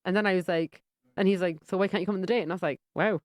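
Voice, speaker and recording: A woman's voice: lowish voice, steady tone, racing, no echo, clean studio sound. A woman co-hosting a podcast in casual chat, talking candidly about her own life with the odd swear. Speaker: podcast co-host.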